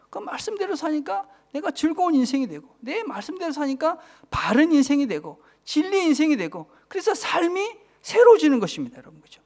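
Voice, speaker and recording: Pastor, male, 40s, Busan accent, expressive sermon voice that swoops up and down and checks in with the pews. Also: very high-pitched. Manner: keeps asking the congregation for agreement, drops to a whisper for emphasis. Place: church.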